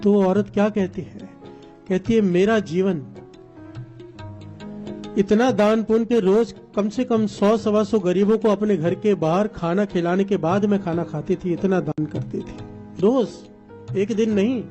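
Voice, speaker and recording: A man's voice: high-pitched, a little slow, warm tone, dull audio, soft background music. A man preaching a sermon as a story, calling on the congregation to respond.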